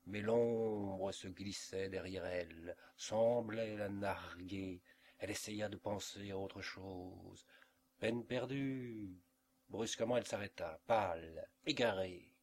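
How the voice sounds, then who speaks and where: Slow, low-voiced male storyteller. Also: a little hiss or hum. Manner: measured, expressive reading. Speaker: audiobook reader. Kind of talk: literary audiobook narration. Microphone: home recording for an audiobook.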